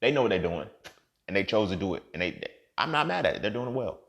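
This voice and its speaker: A man in his thirties giving a profane, impassioned monologue as a podcast host, swinging from low muttering to loud outbursts. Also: big pitch swings, fast talker, vocal fry. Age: 30s.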